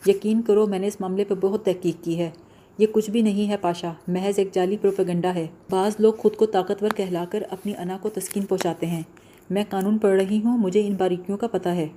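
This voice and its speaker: A woman's voice: medium pitch, fairly even intonation, mellow, slight background noise, close to an everyday voice. A woman reading an audiobook voices a determined young woman law student, speaking in an earnest, insistent way.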